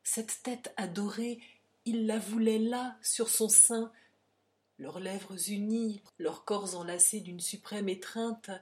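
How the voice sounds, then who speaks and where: A woman narrating a romantic novel as an audiobook, emotive, with hushed passages. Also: mid-range voice, fairly even intonation, slow. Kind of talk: dramatic audiobook reading.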